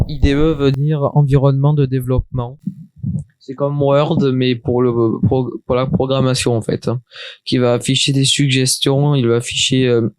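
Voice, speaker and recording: A man's voice: mid-range voice, clear, resonant tone, no echo. A man talking through a casual computer tutorial from his desk, chatty and hesitant, often stopping and starting again. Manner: hesitant, many restarts and fillers, chatty. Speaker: tutorial maker. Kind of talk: casual screen-recorded software tutorial.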